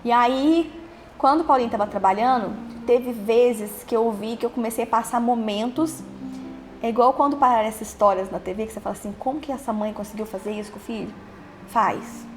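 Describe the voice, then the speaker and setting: A young Brazilian woman telling her own story in a halting way, repeating words and trailing off. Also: on the high side, soft background music. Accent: Brazilian Portuguese. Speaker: podcast host interviewed as guest. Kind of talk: emotional personal testimony.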